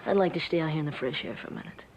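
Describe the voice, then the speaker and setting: A young actor playing an earnest, gentle young man who speaks softly and pleads hesitantly, in 1960s TV western acting. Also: on the high side, racing, slight background noise, close to an everyday voice. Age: young adult. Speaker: young singer visiting his uncle. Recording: dull vintage TV soundtrack with music.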